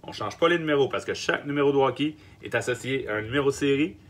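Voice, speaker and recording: Inside a small storage truck with wooden walls, a film production logistics technician in his thirties shares tips through a face mask. He has a mid-range voice and a Quebec French accent, and he speaks informally and emphatically, repeating key words amid hesitant pauses. Faint hum and background noise are audible.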